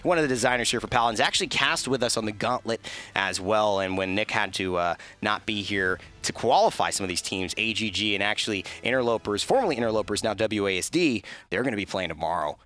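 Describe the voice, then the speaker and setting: A man casting an esports match live, energetic and joking, often restarting his words. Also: mid-range voice. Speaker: esports caster. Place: esports event broadcast desk.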